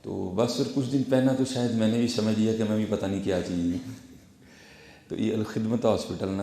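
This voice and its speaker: A man preaching a story sermon, turning from hushed asides to loud exhortation and addressing his listeners respectfully. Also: low-pitched, gravelly. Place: Friday gathering in a large echoing room. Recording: very echoey room.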